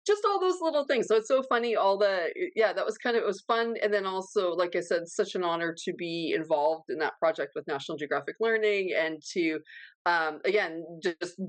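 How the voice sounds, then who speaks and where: A woman in her thirties co-hosting a podcast, chatting casually in a fast, animated rush of words. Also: fairly low pitch, dry recording. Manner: fast, animated, self-described freight-train talker. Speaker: podcast co-host.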